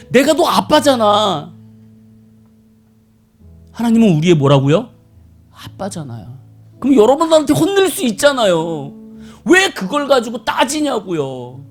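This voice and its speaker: A middle-aged male pastor preaching a live Sunday sermon in a conversational style, often putting questions to the congregation. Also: very high voice. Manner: animated, conversational, asks the congregation rhetorical questions. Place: church worship service.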